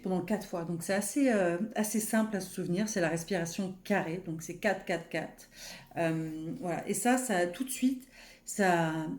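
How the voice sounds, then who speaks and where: A woman speaking French as a personal development coach, guiding listeners gently with many pauses and fillers. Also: fairly low pitch, roomy sound. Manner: soft, unhurried, guiding with many fillers and restarts; counts slowly through a breathing exercise. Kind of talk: gentle personal growth video talk.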